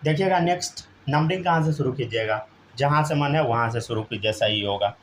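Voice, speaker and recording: During a live chemistry lesson, a man with a brisk, medium-pitched voice keeps calling on students to answer and checking they're following, often saying "theek hai." There's a little hiss or hum in the recording.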